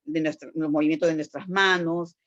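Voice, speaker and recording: A woman's voice: low-pitched, fairly even intonation, a little fast, a bit bright, dull audio. Woman lecturing, with many "¿no?" tag questions. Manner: explanatory, with frequent "¿no?" tag questions and "este" fillers. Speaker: teacher. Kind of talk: recorded class lecture.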